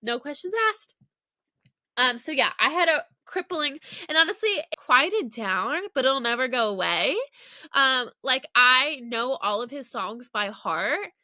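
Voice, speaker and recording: A woman's voice: high voice, animated, a little slow, sharp tone, no echo. A young woman hosting a casual solo podcast, chatty and rambling with lots of "like", her voice a bit congested from a cold, recorded in her childhood bedroom. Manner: chatty, rambling, heavy use of "like". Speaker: podcast host.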